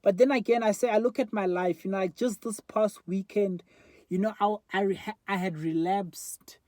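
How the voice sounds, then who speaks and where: Mellow young South African man musing. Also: sits high, fairly even intonation, normal speed, no room sound. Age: 20s. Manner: rambling and candid, many fillers. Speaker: vlogger. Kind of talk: casual reflective monologue. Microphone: phone front camera.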